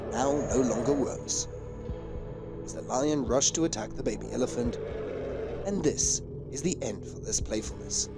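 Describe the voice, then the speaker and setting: A man reading scripted narration for a wildlife documentary. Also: mid-range voice.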